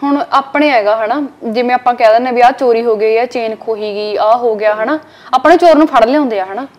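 Young woman, high voice, rapid talk, frank, interview guest, from Punjab. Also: muffled recording. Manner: quick, frank and plain-spoken, with many filler tags.

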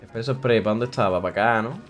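A man's voice: lowish voice, very fast, soft background music. A man from Spain streaming a game, joking crudely, swearing and chanting a vulgar singsong rhyme. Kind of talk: casual gameplay commentary.

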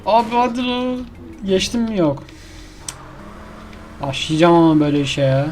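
Gaming commentator, male, higher pitch, frustrated self-talk, slight background hiss. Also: lively intonation, moderate pace, a little mellow. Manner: exasperated, complaining, talks to himself and the game. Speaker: gaming YouTuber. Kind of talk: casual gameplay commentary.

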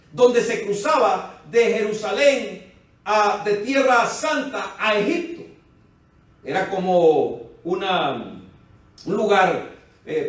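High-voiced preacher in an echoey hall. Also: male voice, far from the mic. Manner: teaching tone, addresses listeners as brothers. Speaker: pastor. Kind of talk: sermon. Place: church hall.

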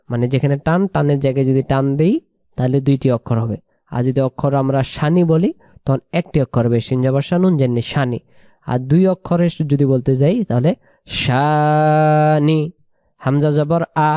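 A man teaching Quran pronunciation, spelling out letters and vowels one by one and repeating each word slowly. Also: mid-range voice, dark tone, dry recording, studio quality.

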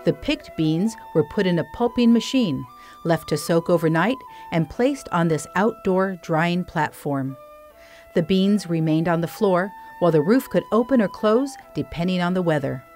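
Calm woman narrating a documentary. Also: lowish voice, soft background music. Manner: calm, measured documentary delivery. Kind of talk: scripted narration. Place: studio voice-over.

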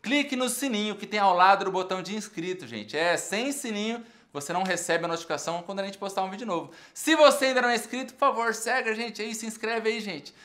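A man's voice: high voice, fast, hardly any pauses, a bit bright. A Brazilian man hosting a comedy channel, pleading playfully with viewers to subscribe. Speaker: host. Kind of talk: channel intro appeal.

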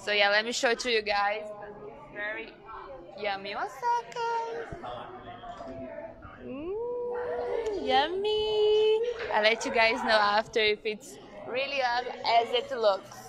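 A young woman from Brazil who speaks slowly and teases with playful questions. Her voice sits fairly high. The chatter of a crowded restaurant hums around her. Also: expressive. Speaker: pageant contestant. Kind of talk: casual vlog chat. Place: busy restaurant indoors.

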